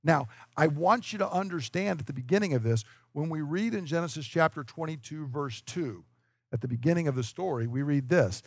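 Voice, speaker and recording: A male pastor delivers a sermon in an earnest voice, slightly higher than most men. He slows down for emphasis and acts out the lines he quotes. The recording is dry and close. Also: animated, dry recording.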